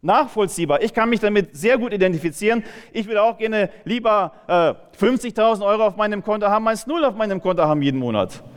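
High-voiced preacher in a reverberant hall. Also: male voice, expressive, fast, smooth. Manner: rhetorical questions, conversational asides. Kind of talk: sermon.

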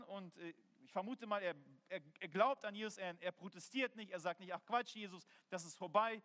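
A man's voice: sits high, a bit bright. A man preaching a sermon in an earnest, conversational way, telling personal stories. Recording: long hall reverb.

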